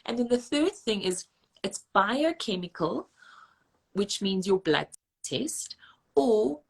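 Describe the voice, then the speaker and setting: A woman, a registered dietitian explaining nutrition and hormones in fast, emphatic conversation with frequent restarts. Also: mid-range voice, lively intonation, gravelly, slightly rough.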